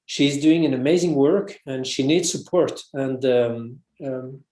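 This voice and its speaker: In a reverberant space, a man speaks a little slowly in a dark, medium-pitched voice. A researcher and author from France, he's a guest in a relaxed interview, and his French-accented English is hesitant, with frequent restarts.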